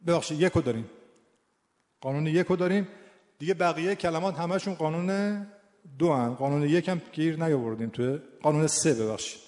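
A man's voice: fairly high pitch, darkish tone. A middle-aged man teaching Quran recitation to a class, breaking verses into syllables and chanting them aloud. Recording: long hall reverb.

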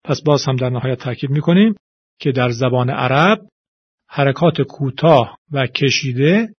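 Husky man slowly teaching pronunciation. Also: mid-range voice, dry recording, highs cut off. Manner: slow and deliberate, drawing out example words. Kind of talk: pronunciation lesson.

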